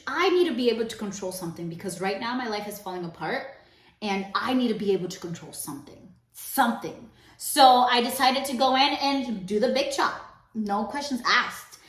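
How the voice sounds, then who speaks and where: Chatty young woman in a roomy room. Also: fairly high pitch. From Cuba. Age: young adult. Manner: chatty and candid, switches between quick and slow emphatic phrasing. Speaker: podcast co-host and vlogger. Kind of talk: casual vlog storytelling.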